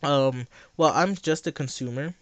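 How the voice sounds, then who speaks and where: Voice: mid-range voice, unhurried, dry recording. A teenage live streamer chatting and debating bluntly and casually while chewing gum. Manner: blunt, argumentative.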